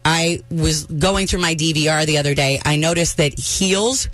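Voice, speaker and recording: A woman's voice: low voice, normal speed, fairly bright tone, no echo. A woman hosts a call-in radio show. Her voice sounds bubbly and eager as she moves between callers and banter with her guest. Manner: bubbly, enthusiastic. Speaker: radio host.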